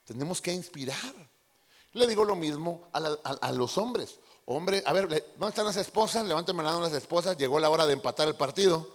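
Pastor de voz aguda en una iglesia resonante. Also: male voice, on the high side, lively intonation, a little fast, in a large hall. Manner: playful, addresses the congregation directly. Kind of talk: lively sermon with acted-out impressions. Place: church hall.

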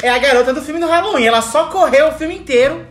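A woman's voice: sits high, fast talker, a crowd in the background. A young woman co-hosting a joking group chat, brash and crude, laughing at her own jokes. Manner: brash, crude, cracks herself up. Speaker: podcast co-host. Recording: echoey room.

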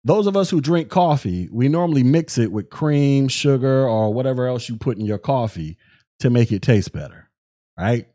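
A young man hosting a solo podcast, talking in animated, slang-heavy commentary full of restarts and repeated words. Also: medium pitch, normal speed. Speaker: podcast host.

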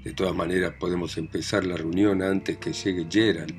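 A man's voice: deep voice, fairly even intonation, moderate pace, faint music behind, natural voice. A man with a Rioplatense accent voicing a domineering, meddling older mother in a read-aloud play. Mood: bossy, doting. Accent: Rioplatense Spanish. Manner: scolding, proud, meddling. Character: domineering aging mother of a grown family.

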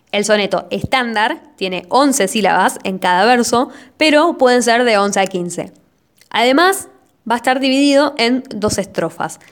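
A woman with an Argentine accent hosting a casual teaching podcast, playful and self-mocking, spelling out syllables slowly as she explains. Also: a little high. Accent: Argentine Spanish. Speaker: podcast host.

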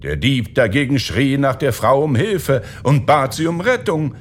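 A man reading an old folk tale aloud in an expressive storytelling manner. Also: medium pitch, a little hiss or hum. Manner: slow, expressive, lively intonation. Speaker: narrator.

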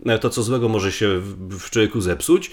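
A man's voice: lowish voice, moderate pace. A man from Poland explains things conversationally as a guest researcher, often repeating words and restarting as he thinks aloud.

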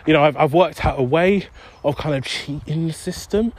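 A man's voice: a little high, moderate pace. A young man rambling through a casual solo podcast while out walking, distracted and self-deprecating. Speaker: podcast host. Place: outdoors on a street.

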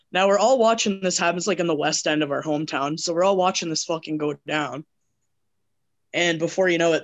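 A man's voice: fairly high pitch, a bit bright. A man co-hosting a casual drinking podcast, telling a rambling profane story full of fillers. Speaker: podcast co-host.

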